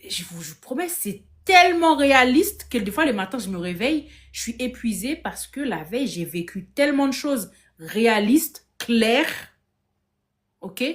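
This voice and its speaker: A woman telling a story casually on a live video stream from her phone. She speaks with lively energy, keeps restarting her phrases and acts out the lines of the people in her story. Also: a little high, normal speed. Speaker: guest on a live discussion.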